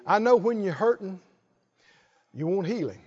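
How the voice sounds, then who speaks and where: A man's voice: high voice, expressive, unhurried, a little mellow, husky, muffled recording. A male pastor preaching a sermon, emphatic, prompting the congregation with short questions.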